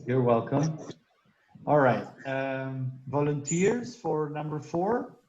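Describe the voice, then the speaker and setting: Speaking extremely slowly in a voice on the high side, this online English teacher patiently walks students through grammar and pronunciation drills. It comes through a video call with roomy, dull sound and faint noise.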